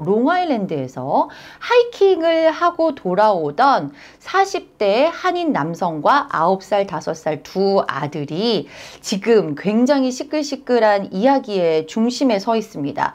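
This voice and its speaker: Animated woman telling a news story. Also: medium pitch. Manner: animated, acts out quotes with sudden exclamations. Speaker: news channel host. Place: lives in Queens, New York.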